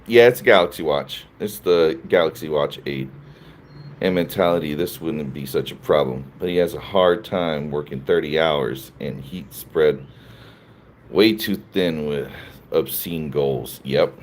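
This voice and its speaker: A man with a very low, deep voice riffs through a casual live stream, answering chat and laughing between his jokes. He sounds sleepy and loose, with a faint hiss of noise under him. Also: measured pace. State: sleepy, yawning. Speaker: livestream host reading chat.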